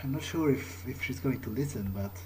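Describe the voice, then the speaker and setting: At a normal speed, a medium-pitched man speaks on a low-quality recording marked by slight background noise. In character as a guilt-ridden, brooding young vampire, this let's player improvises hesitantly and keeps repeating words against video game ambience.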